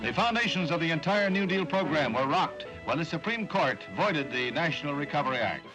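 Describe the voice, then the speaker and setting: A man narrating in a dramatic 1930s newsreel style, an old newsreel recording with a brisk announcer's delivery. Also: fairly high pitch, animated, music in the background, poor audio.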